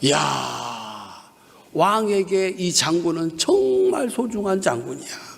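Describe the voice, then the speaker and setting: Man, revival preacher, Chungcheong Korean accent, high lively voice, call-and-response, long church reverb. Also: slow, vocal fry. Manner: animated, leads the congregation in call-and-response repetition. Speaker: guest pastor. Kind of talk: revival sermon. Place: church sanctuary during an evening revival service.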